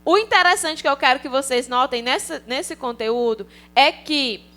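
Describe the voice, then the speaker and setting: A Brazilian primary school teacher with a Brazilian Portuguese accent speaks at normal speed in a high, bright, forceful voice. She runs a recorded online class for young children, cheerful and coaxing, with many check-ins.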